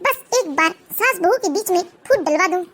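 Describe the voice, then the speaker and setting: A sly middle-aged mother schemes in a high, sugary cartoon voice, as a woman plays her. Her talk is falsely kind and coaxing, with an edge of cunning underneath. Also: animated, normal speed, fairly bright tone. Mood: scheming. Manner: falsely sweet, honeyed. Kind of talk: cartoon voice acting.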